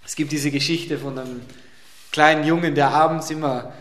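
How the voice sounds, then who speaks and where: Male preacher, sermon, fairly high voice, loud-to-hushed delivery, roomy echo. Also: fairly even intonation, moderate pace. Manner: dramatic swings between loud and hushed.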